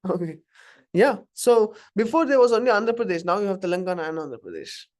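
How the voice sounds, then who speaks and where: A man's voice: high-pitched, big pitch swings, quick pace. Indian man teaching a scripture class. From Karnataka, India. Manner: conversational, asks the audience questions, chuckles at own examples. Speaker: spiritual teacher. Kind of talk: informal scripture class talk. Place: room with a live audience.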